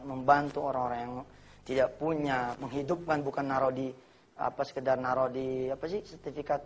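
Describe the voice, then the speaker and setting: A man in his forties preaching a lively sermon to a live audience in casual speech, joking and acting out quotes. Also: mid-range voice. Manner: animated, jokey, mixes in slang and acted quotes.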